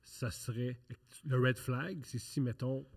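A man with a Québécois French accent talks as a podcast guest. His voice sits at an ordinary mid pitch. He teases the others and slips into anecdotes. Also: slow pace, husky. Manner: teasing, storytelling banter. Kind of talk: casual podcast chat.

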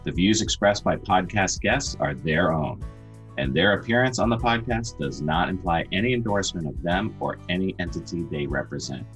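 Male announcer for a formal scripted legal disclaimer, very deep, measured delivery. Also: lively intonation, a bit bright, faint music behind.

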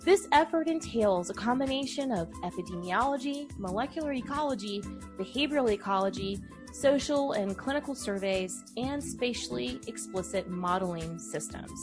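A woman hosting an interview show, reading a smooth scripted introduction and then chatting loosely with fillers. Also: a little high, expressive, normal speed, music in the background. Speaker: podcast host.

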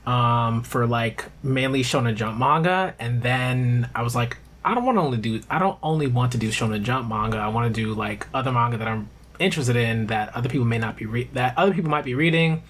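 A man's voice: mid-range voice, a little fast, fairly bright tone. A man guesting on a podcast as a manga YouTuber, talking casually and rambling with many "um"s. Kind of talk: casual interview chat.

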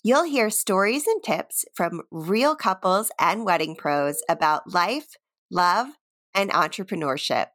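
A woman hosting a podcast, friendly and filling pauses with ums as she introduces and chats. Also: lowish voice, animated, fairly bright tone. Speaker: podcast host. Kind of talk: podcast intro and casual interview.

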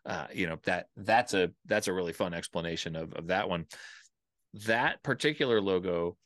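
Low-voiced American man interviewing casually. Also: normal speed, fairly bright tone, dry recording, studio quality.

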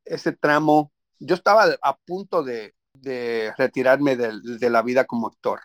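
A man's voice: medium pitch, measured pace, no room sound. A middle-aged man from Puerto Rico with a Puerto Rican Spanish accent, a stage actor answering interview questions, telling his story reflectively with many restarts.

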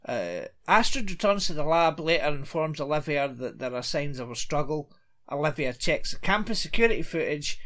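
A man's voice: on the high side, lively intonation, a bit bright. A man, chatting casually and rambling a little as he recaps a TV episode as a podcast co-host. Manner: chatty, rambling, quick to laugh.

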